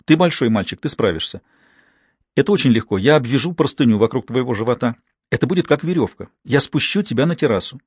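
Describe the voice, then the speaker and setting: A man's voice: medium pitch, expressive, quick pace, breathy edge, no echo, clean studio sound. A man reading the lines of a terrified young mother trapped in a house fire, calling urgently to her children. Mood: forced calm. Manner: urgent shouted pleas.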